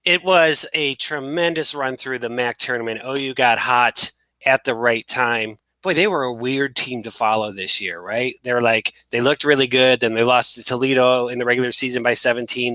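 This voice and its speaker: A man's voice: mid-range voice, normal speed, hardly any pauses, bright, forceful tone, no echo. A man hosting a casual sports talk show, joking and rambling with frequent restarts. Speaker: podcast host.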